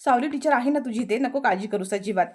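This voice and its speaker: A woman's voice: a little high, fast, close to an everyday voice. A woman voicing a caring teacher who earnestly stands up for children, in a serial recap. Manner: earnest, pleading, indignant.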